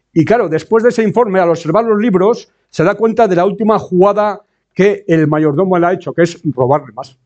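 A man preaching a sermon, often asking rhetorical questions and slowing down to stress key words. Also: fairly high pitch, darkish tone. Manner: rhetorical questions and tag checks like eh and no. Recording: dull lo-fi sound.

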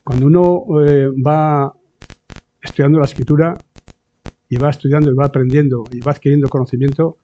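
A man's voice: mid-range voice, mellow, a little hiss or hum. Man preaching in a conversational sermon. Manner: conversational preaching with frequent tag questions; acts out quoted voices. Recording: dull lo-fi sound.

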